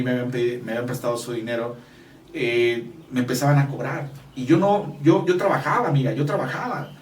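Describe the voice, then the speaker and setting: A man's voice: medium pitch, darkish tone, recorded from a distance. An earnest man with a Mexican Spanish accent tells a personal story in an interview, emphatic and speaking straight to the listener. His voice sits in a mid range and sounds roomy, picked up from a little way off the mic. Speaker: business coach.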